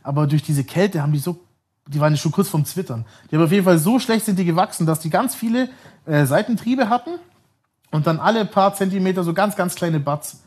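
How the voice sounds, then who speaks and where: A man's voice: sits high, a little fast, darkish tone, breathy edge. A man in his thirties, a podcast guest telling long stories in a rambling, casual way, often laughing and correcting himself. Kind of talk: casual storytelling.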